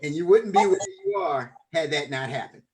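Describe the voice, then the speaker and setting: A man's voice: on the high side, lively intonation, brisk. A man hosting a podcast, introducing a guest with enthusiasm and often stumbling over and repeating his words. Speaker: podcast host. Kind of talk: casual interview introduction.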